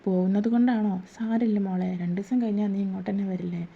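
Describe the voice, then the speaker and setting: A woman's voice: medium pitch, steady tone, quick pace, creaky, breathy edge. A woman voicing a caring older mother-in-law who speaks soothingly and reassuringly, in a dull lo-fi recording.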